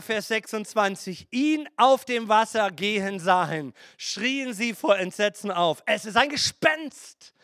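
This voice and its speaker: A man delivers a sermon in an unusually high voice, taking his time with each phrase. He slips into playful mimicry of hesitant listeners. The sound is dry and close. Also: fairly bright tone, no echo. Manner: preaching with acted asides and playful mimicry. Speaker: pastor.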